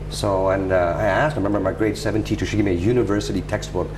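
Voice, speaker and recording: A man's voice: lowish voice, steady tone, rapid-fire. A man with a Toronto Canadian accent telling his story casually and a little hesitantly as an interview guest. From Toronto, Canada, from age ten, born in England. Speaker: interview guest, music video director. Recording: loud background noise with hum.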